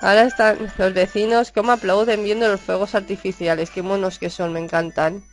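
A woman from Spain with a Spanish accent, chatting excitedly as she plays a video game and reads its dialogue aloud. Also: mid-range voice, brisk, faint music behind. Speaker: gaming YouTuber. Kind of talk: casual game commentary.

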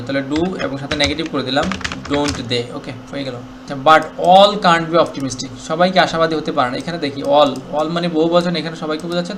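A man with a Bangladeshi accent teaching English grammar, asking questions and answering them himself, with the English examples read slowly. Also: a little high, a bit bright, slight background noise. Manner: quick, explanatory, asks and answers his own questions, reads English examples slowly. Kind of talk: explaining grammar to students.

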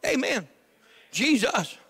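Stuttering revival preacher guy, voice up high, shouts a lot. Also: very animated, slow pace, creaky, slightly rough. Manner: shouted, fervent preaching with sudden soft passages.

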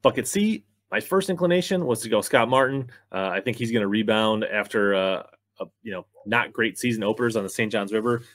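Fast-ish and fairly bright in tone, his low-leaning voice comes through on a dry recording. He's an American in his thirties hosting fantasy fishing coverage, giving picks and commentary to camera while seated at a desk in a small room.

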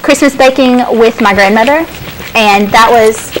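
Young woman with a high, chatty voice. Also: moderate pace, slight background noise, low-quality recording. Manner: chatty, upbeat, explaining step by step. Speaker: cooking show co-host. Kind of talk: casual cooking demonstration. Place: small indoor TV studio set.

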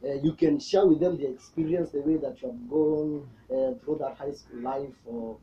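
A man's voice: on the high side, normal speed. A young Kenyan man with a Kenyan accent, a youth preacher chatting casually as an interview guest. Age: young adult. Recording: muffled audio with background noise.

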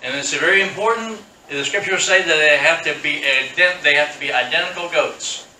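A man's voice: on the high side, pushed and bright, slight background noise. Man teaching bible in an echoey hall. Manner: halting, many fillers and restarts, asks the congregation questions. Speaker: pastor. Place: church hall. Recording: echoey room, speaker far from mic.

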